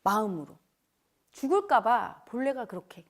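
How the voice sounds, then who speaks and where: A woman spiritual teacher giving an emotional lecture, telling her story with loud outbursts that drop into hushed near-whispers. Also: on the high side, big pitch swings, moderate pace. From Cheongju area, South Korea.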